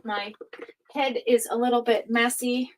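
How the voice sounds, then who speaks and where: Her voice is a little high, with a flat delivery and a slightly slow pace, and the rough recording carries a little hiss or hum. This weary tarot reader chats with viewers on her casual livestream while reading cards aloud, her words slightly slurred by a sore jaw.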